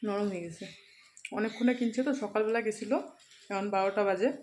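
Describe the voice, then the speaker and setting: A woman's voice: mid-range voice, fairly even intonation, fast talker, darkish tone, slight background noise. Chatty young woman vlogging at home. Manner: chatty, talks directly to viewers while doing housework. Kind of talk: casual daily-life vlog. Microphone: mobile phone.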